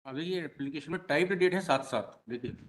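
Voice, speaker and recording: Stern judge questioning counsel. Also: male voice, a little high, fairly bright tone, low-quality recording. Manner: stern, questioning, dictates orders slowly. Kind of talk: courtroom hearing.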